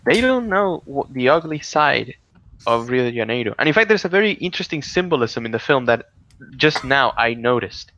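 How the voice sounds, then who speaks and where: A man in casual podcast chat who tells stories with lots of energy, stumbling over restarts and breaking into loud, excited exclamations. His voice sits at a middling pitch. The audio comes through dull and lo-fi. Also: a little fast, no echo. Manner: animated storyteller, many restarts, excited outbursts. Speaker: podcast co-host.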